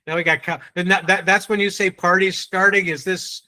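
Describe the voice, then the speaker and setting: With a voice that sits high, a New England man hosts a live online sales training, briskly testing and joking with participants. The delivery is steady, pushed, and bright.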